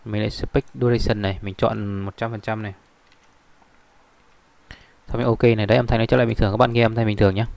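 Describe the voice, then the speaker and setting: A man walks through a software tutorial at his desk, talking fast in a gravelly, creaky voice. His delivery rambles along with fillers and restarts, and the recording sounds close and dry. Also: fairly low pitch, level tone, dry recording.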